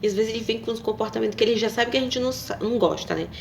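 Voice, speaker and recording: A woman's voice: fairly high pitch, racing, vocal fry, a little hiss or hum. A woman talking casually to camera, rambling and hesitant, with many fillers and tag questions. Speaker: vlogger.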